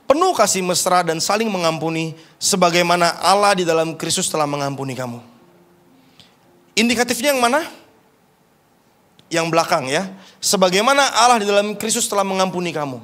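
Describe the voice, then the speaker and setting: Animated high-voiced male preacher. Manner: animated preaching, shifting between raised emphatic lines and soft intimate asides. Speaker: pastor. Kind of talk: sermon.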